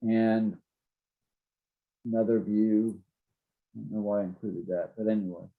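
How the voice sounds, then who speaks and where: A man's voice: fairly low pitch, fairly even intonation, a little slow, phone-quality sound. A man giving an informal, explanatory presentation as city zoning staff, plain-spoken and a little hesitant.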